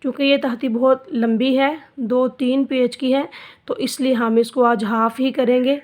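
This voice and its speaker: Slow, high-voiced woman teaching recitation. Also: steady tone. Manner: spells letters and vowels, then draws out each word. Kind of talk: slow spelled-out recitation lesson.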